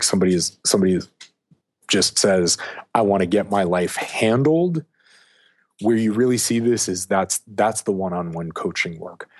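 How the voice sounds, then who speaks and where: Husky, low-voiced male coach. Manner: candid, animated storytelling with frank language. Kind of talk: casual podcast conversation.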